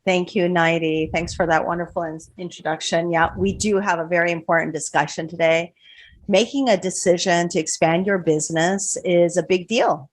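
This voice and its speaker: A woman's voice: lowish voice, fairly even intonation, normal speed. Woman co-hosting a podcast interview. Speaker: podcast co-host.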